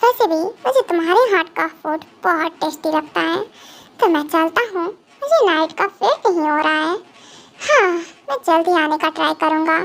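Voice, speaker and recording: A woman's voice: very high voice, lively intonation, moderate pace, vocal fry, fairly bright tone, full character voice. A woman voicing a menacing young male psychopath gang boss in a fan dub drama, taunting and threatening. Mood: tender.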